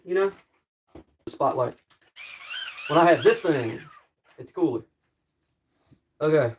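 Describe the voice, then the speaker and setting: Male streamer, slightly high voice, rambling wry commentary while working with tools. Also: a little hiss or hum. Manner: rambling, jokey self-deprecating running commentary. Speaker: livestreamer. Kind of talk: casual livestream chat while tinkering.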